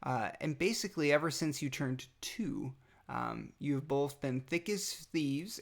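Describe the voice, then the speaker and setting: A young man talks in a gravelly voice of medium pitch, rambling through an affectionate message to his young son. His talk is full of fillers and restarts, and he is a few days out from nose surgery. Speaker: father recording a birthday message. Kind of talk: casual personal message.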